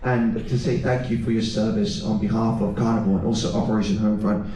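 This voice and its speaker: A man's voice: lowish voice, steady tone, warm tone. Upbeat cruise director man in an echoey hall. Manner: upbeat cruise director, projecting and drawn-out calls. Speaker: cruise director hosting a military appreciation event. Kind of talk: live event hosting, calling out to an audience. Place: large indoor venue on a cruise ship. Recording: echoey hall PA, far off, noisy crowd.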